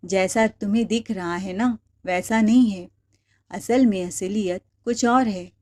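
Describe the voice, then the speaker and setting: A woman's voice: medium pitch, unhurried, a little mellow, close to an everyday voice. Wronged young wife, earnest and firm, read by a woman narrator. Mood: defiant.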